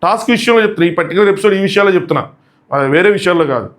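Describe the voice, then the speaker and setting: A man's voice: high-pitched, expressive, very fast. A man giving a critical, emphatic review of a reality show episode, arguing his points. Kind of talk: fast opinionated episode review.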